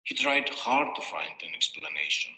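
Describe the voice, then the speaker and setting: Over music in an echoey, reverberant playback, a bass-voiced storyteller tells a scripted fairy tale at a moderate pace. His delivery is sing-song, bright and pushed, in a dramatic storybook style.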